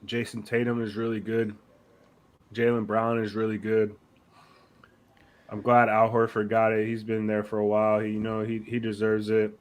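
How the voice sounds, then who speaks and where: A man with a hoarse, raspy voice co-hosting a casual sports podcast, blunt and slangy with some swearing. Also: lowish voice, completely flat delivery, normal speed. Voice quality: raspy, rough voice. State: hoarse, sick.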